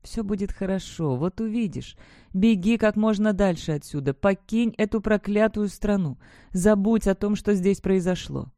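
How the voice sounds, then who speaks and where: A woman voicing a gentle young man saying farewell to his sister, in an audiobook reading, soft-spoken and earnest. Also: medium pitch, moderate pace, no room sound, studio quality, close to an everyday voice. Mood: soothing.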